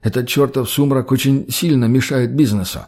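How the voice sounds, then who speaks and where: A man voicing a fat, obsequious slave trader who fawns and placates in a raised, drawn-out voice. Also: a little mellow, lightly acted. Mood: fawning. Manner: wheedling, placating, higher and slower.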